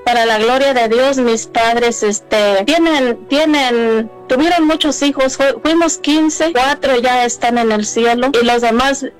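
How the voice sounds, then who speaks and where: A woman giving a religious testimony, a little nervous, talking haltingly with many restarts and fillers. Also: fairly high pitch, faint music behind, low-quality recording. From Mexico.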